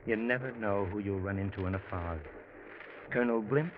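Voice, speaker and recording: A man's voice: fairly low pitch, brisk, close to an everyday voice. An actor playing a young American man in a mid-century radio drama. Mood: breezy, charming. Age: young adult. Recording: muffled old radio recording, faint noise.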